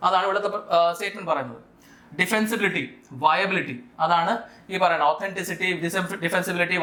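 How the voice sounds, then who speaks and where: A Malayali man with a high, bright voice gives an explanatory lesson as a teacher. He speaks didactically, putting questions to the learner as he goes. The room adds a clear echo. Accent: Malayali Indian. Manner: didactic, checks understanding with questions. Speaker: vocabulary teacher for exam students. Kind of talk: explanatory lesson, mixing English terms into speech. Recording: echoey room.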